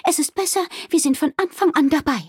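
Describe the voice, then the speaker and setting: A woman's voice: high voice, brisk, no room sound, clean studio sound, voice pushed up, natural voice. A woman voicing a worried, motherly innkeeper who talks urgently and emphatically.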